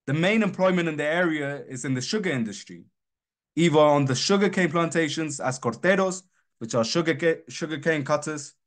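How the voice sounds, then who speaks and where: A fairly high-pitched young Colombian man with a British accent presents his research in an earnest, measured academic talk.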